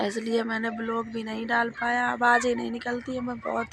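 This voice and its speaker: A woman vlogging while sick, hoarse and coughing, straining and tired as she talks into a phone while out walking. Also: a little high, completely flat delivery, a little fast, fairly bright tone, slight background noise. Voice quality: coughing often. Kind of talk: casual vlog chat. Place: village road outdoors at dusk.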